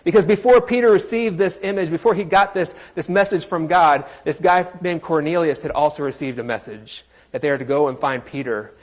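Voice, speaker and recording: A man's voice: fairly high pitch, fairly quick, hardly any pauses. Pastor guy giving a sermon, chatty and jokey, keeps asking the church questions. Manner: conversational, joking, quizzes the congregation.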